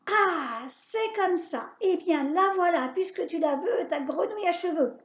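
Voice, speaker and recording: A woman playing a shrill shrieking witch. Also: lively intonation, normal speed, roomy sound. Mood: furious. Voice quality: shrill and loud. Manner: shrieking, indignant. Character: shrill menacing female witch, spiteful. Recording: dull lo-fi recording.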